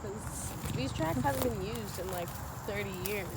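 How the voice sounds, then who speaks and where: A woman's voice: medium pitch, expressive, normal speed, a crowd in the background. A woman co-hosting a paranormal investigation outdoors, chatting casually in brief, tentative remarks. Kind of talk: casual chat while watching a meter. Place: outdoors by disused train tracks. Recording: very noisy outdoor recording with insects, vehicles.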